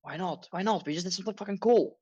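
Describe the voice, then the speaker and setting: Husky playful tabletop player. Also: medium pitch, fast, a little mellow, dry recording, highs cut off. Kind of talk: casual tabletop role-play chat.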